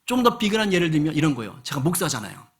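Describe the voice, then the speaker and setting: A male senior pastor giving a lively sermon in church, acting out voices and asking the congregation questions. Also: fairly high pitch, very fast. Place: church sanctuary.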